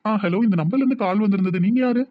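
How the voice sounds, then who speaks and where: A man's voice: sits high, racing, phone-quality sound, close to an everyday voice. [name], a man voicing a lovestruck young man. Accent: Tirunelveli Tamil. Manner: dreamy, talks to himself.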